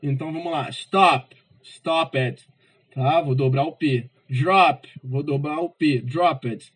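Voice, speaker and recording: A man with a slightly high, husky voice gives a casual English grammar lesson at a measured pace, captured in a rough recording. He ends nearly every phrase with a checking "tá?" and stresses syllables in the English example words.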